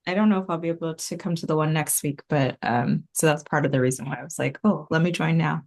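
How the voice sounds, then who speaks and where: A woman introducing herself on a video call during an online class, hesitant and filling pauses with ums and likes. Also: low-pitched, gravelly, a little mellow. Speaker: class participant, artist. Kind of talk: casual introduction.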